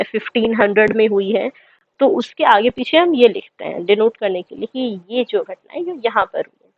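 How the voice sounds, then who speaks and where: A woman in her thirties gives a history lesson, moving between reading a textbook and explaining it patiently, step by step. Her voice comes through thin and phone-like, with no room echo at all. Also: medium pitch. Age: 30s. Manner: explains step by step, checks in with "ठीक है". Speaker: history teacher. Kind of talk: lecture reading English text and explaining in Hindi. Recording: dry, tinny phone-like sound.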